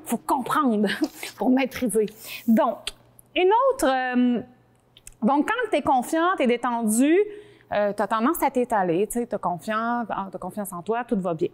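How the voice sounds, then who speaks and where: A woman with a Québécois French accent explaining things conversationally to her co-hosts, animated and informal, often cutting herself off. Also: a little high, measured pace. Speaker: talk show columnist.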